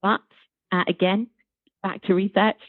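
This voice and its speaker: A woman's voice: medium pitch, flat delivery, measured pace, no room sound. A woman, a charity chief executive speaking as a guest in a podcast interview, articulate and enthusiastic. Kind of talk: conversational interview. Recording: tinny phone-like remote line.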